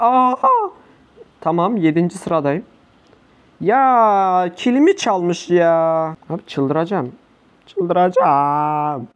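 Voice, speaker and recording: A young man commentating his own gameplay for viewers, frustrated and swearing often at other players. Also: a little high. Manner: frustrated, swears a lot, shouts at opponents. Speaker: gaming YouTuber.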